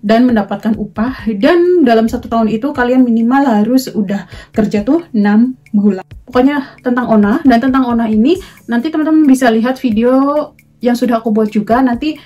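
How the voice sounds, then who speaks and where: A young woman from Indonesia chatting casually to her viewers as a vlogger, mixing in English words and pausing often on fillers. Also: on the high side, warm tone, soft background music. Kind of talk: casual talk to camera.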